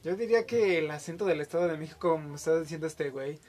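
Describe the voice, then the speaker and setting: A man's voice: fairly high pitch, very fast, darkish tone. A man speaking bluntly in casual chat, swearing and tagging lines with slang.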